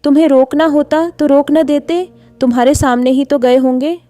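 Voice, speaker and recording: A proud, wounded village stepmother from a storybook, brusque and resentful, as a woman narrator voices her. The voice is mellow and dry. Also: high-pitched, steady tone, normal speed, no echo, faint music behind, lightly acted.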